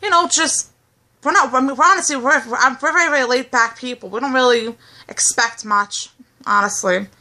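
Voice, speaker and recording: A woman's voice: sits high, moderate pace, sharp tone. A woman in her twenties chatting casually, reading out questions and answering them. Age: 20s. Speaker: co-host. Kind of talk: casual chat.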